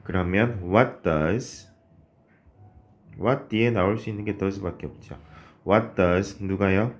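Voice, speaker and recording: A man with a deep voice teaches a recorded grammar lesson. He talks slowly and patiently, leads his students through each sentence one step at a time, and reads English examples out word by word. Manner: patient, explains step by step, asks and answers his own questions.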